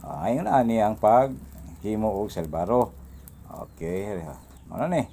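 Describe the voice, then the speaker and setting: Man, low mellow voice, casual cooking demo, phone held in hand, faint birds and noise behind. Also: lively intonation, a little slow, vocal fry. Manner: chatty, laughs often, talks while working. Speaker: cooking vlogger. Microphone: phone camera held in one hand.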